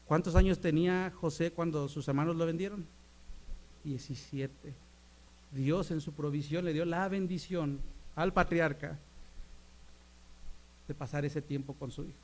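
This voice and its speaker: A middle-aged man preaching a sermon as pastor, asking the congregation questions and answering them, swinging between loud emphatic peaks and soft asides. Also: on the high side, steady tone, normal speed.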